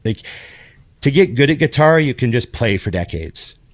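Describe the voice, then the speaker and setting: A man's voice: mid-range voice, sing-song, moderate pace, no room sound, clean studio sound. A man in his forties co-hosting a podcast in casual chat, rambling with lots of fillers and restarts. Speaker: podcast co-host. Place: home studio with video call. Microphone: headphones and desk microphone.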